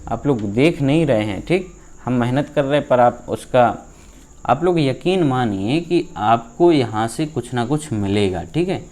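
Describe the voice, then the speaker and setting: A man's voice: mid-range voice, lively intonation, unhurried, darkish tone. A man teaching an exam practice set, asking rhetorical questions and checking in with "theek hai" after each point. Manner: exhorting, lecturing viewers.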